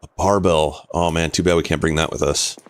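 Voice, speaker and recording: A man's voice: a bass voice, steady tone, fairly quick, a little hiss or hum. A man casually commentating his game on a live stream, explaining rules and answering chat.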